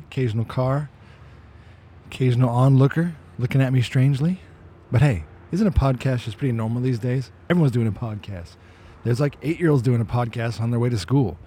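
A man's voice: medium pitch, mellow, breathy edge. A man hosting a casual walk-and-talk podcast outdoors, talking in an opinionated, conversational way and often repeating words as he restarts. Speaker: podcast host.

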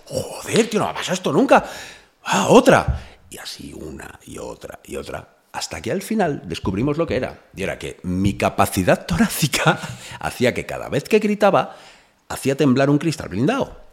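Man, podcast guest, animated storyteller, wildly swinging pitch. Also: normal speed, gravelly. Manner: loud, animated storyteller with swearing and laughs. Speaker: rapper guest. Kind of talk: casual podcast interview.

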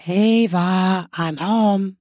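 A woman voicing a grown man, an eager and flirtatious husband, in a low, slow, seductive murmur during a read-aloud erotic story. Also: darkish tone, no echo, clean studio sound. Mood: flirty.

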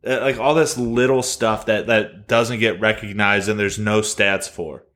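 A man's voice: fairly low pitch, fairly even intonation, unhurried, a bit bright. A man co-hosting a podcast, giving thoughtful, detailed explanations in casual sports chat. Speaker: podcast co-host.

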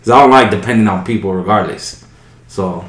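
A man's voice: lowish voice, brisk. A young man chatting casually on a podcast, joking and teasing his friends in slangy talk. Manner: joking, teasing, slangy, puts on silly quoted voices. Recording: echoey room.

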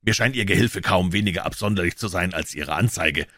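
A man voicing a shrewd, calm detective who explains in a low, measured, quietly assured way in an audiobook. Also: no echo, clean studio sound, exaggerated voice. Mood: dry. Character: shrewd calm male detective, dryly ironic. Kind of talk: audiobook character voice.

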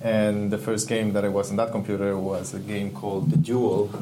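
Speaking at a normal speed with a voice on the low side, this Ecuadorian man is a guest in a relaxed interview. He works as a game UI/UX artist and comes across as enthusiastic and reflective while groping for words, with a constant hum behind him.

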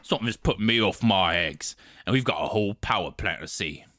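A man voicing a gruff, suspicious middle-aged male power plant worker who growls his lines. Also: on the low side, expressive, brisk, a bit bright. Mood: grumpy.

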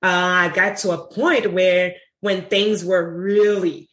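A woman's voice: on the low side, fairly even intonation, slow pace. A woman in her forties from Haiti, a leadership coach, telling her story earnestly and reflectively in an interview. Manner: earnest, reflective, with light laughs. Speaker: guest, executive leadership coach. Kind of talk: interview answer, personal story. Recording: roomy echo.

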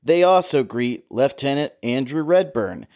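A man's voice: animated, a little slow, darkish tone, lightly acted. A man doing an old newsreel announcer. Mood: announcing. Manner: booming old newsreel voiceover delivery. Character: grand male World War Two newsreel announcer. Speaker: podcast co-host.

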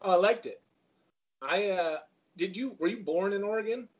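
A man's voice: high-pitched, moderate pace. A man co-hosting a podcast, chatting casually in a rambling way with dry jokes and laughs, from Vermont. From Vermont, USA. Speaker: podcast co-host. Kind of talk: casual chat. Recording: dull lo-fi sound.

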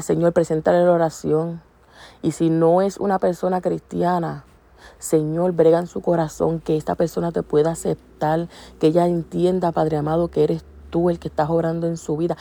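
Low, mellow-voiced woman preaching. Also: little pitch movement, moderate pace, gravelly, dry recording. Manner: earnest, repetitive, exhorting. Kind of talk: informal sermon on prayer.

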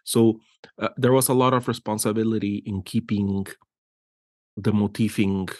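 In a clean studio recording with no room sound, a middle-aged Guatemalan art director speaks at normal speed in a lowish voice with little pitch movement. Interviewed in a casual conversation, he talks enthusiastically and rambles, often restarting and tagging on "right?"

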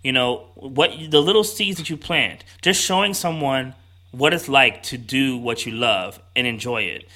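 Bright-voiced, easygoing male podcast host. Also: mid-range voice, a little slow. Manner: reflective, easygoing talk with many fillers. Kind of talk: casual podcast chat.

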